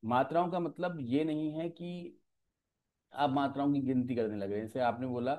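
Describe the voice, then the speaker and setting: A man teaching an exam-prep lecture, explaining step by step and often pausing to check that students follow. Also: mid-range voice, narrow, tinny audio.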